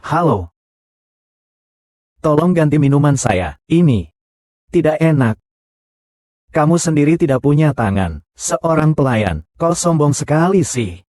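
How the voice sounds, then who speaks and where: A man's voice: a little high, big pitch swings, measured pace, long pauses, darkish tone, no echo, clean studio sound. A man voicing the characters of a dubbed short drama, with a scornful, confrontational delivery.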